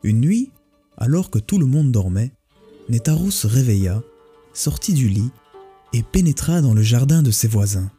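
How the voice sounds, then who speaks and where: A man narrating a folk tale in a calm, measured way. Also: mid-range voice, husky. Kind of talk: storybook narration. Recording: faint music behind the voice. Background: faint music.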